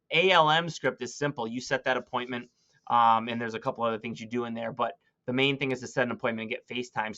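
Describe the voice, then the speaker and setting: A man coaching new real estate agents in a loose, conversational way, with plenty of fillers. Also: dull audio. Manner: acts out phone calls in brighter, higher voices. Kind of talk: casual coaching talk to camera.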